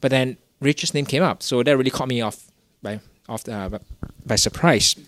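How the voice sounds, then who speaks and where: A man's voice: medium pitch, normal speed, fairly bright tone, a little hiss or hum. Young man rambling through a story. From Singapore. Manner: rambling, many "you know" fillers and restarts. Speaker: guest telling his story. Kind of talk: casual testimony.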